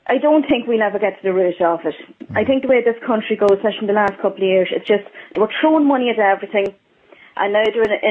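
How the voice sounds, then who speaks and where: A woman's voice: medium pitch, slightly rough. A woman with an Irish accent calling a radio phone-in to air a grievance. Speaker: phone-in caller, civil servant. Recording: tinny phone line on radio.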